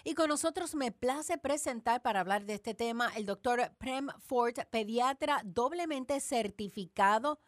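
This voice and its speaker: A woman's voice: a little high, measured pace, hardly any pauses, no room sound, clean studio sound. A woman hosting a radio show, reading a formal introduction and interviewing a guest.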